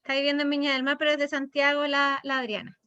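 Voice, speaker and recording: Una mujer chilena modera una clase universitaria por videollamada, con un tono conversador e informal. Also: female voice, high-pitched, level tone, fast, bright, forceful tone, dry recording. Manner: chatty, informal. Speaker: course organizer, moderator. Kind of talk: online class moderation. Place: video call. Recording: dull, dry video-call audio.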